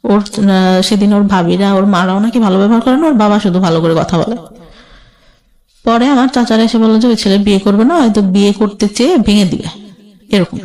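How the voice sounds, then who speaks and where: With a medium-pitched, darkish voice and a slightly fast pace, a Bangladeshi-accented woman tells her life story as a guest. She goes over past exchanges colloquially, quoting who said what.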